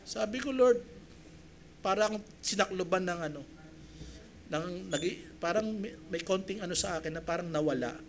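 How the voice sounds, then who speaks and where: A male pastor from the Philippines preaching a sermon, telling his own story with feeling and acting out his prayers, then building to loud, emphatic appeals. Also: sits high, moderate pace. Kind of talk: sermon with personal testimony. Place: church.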